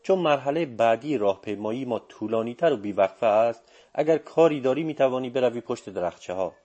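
Guy reading as a teasing old sorcerer, firm and bossy, dark mellow voice, audiobook. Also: medium pitch, animated, highs cut off, close to an everyday voice. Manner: teasing and firm, speaks with authority. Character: old male sorcerer, teasing, laughing, commanding.

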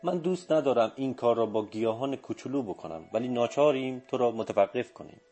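A man voicing a calm, stern older sorcerer who gives terse commands in an audiobook reading. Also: medium pitch, soft background music, natural voice. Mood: calm, firm.

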